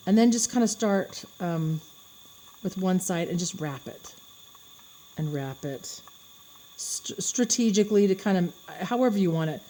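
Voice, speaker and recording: A woman's voice: fairly low pitch, mellow. A woman giving a step-by-step craft demonstration, chatting and thinking aloud as she works with her hands. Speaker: craft instructor.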